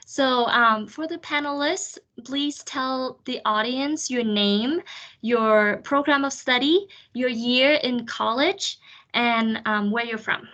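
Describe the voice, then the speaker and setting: A woman's voice: fairly high pitch, slow, pushed and bright, dull audio. A woman hosting an online student panel, explaining things chattily with many fillers. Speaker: panel facilitator. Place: video call.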